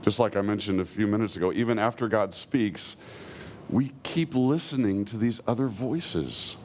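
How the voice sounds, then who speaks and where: Earnest low-voiced male preacher. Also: slight background noise. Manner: earnest preaching, slows and softens when quoting God. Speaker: pastor. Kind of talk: sermon.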